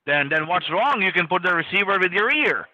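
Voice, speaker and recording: A man's voice: high voice, animated, brisk, pushed and bright, no echo, dull audio. A man posing as customer support, talking over a phone on speaker in a brusque, insulting, domineering way. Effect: heard through a phone on speaker.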